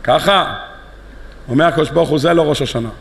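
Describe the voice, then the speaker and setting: A man's voice: a little high, vocal fry, a bit bright. A man giving a sermon as a rabbi, telling stories with animation and acting out the dialogue. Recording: long hall reverb.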